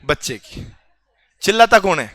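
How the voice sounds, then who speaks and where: High bright-voiced man teaching a class. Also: sing-song, moderate pace, no echo. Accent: Rajasthani Hindi. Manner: quizzing students, teasing and joking.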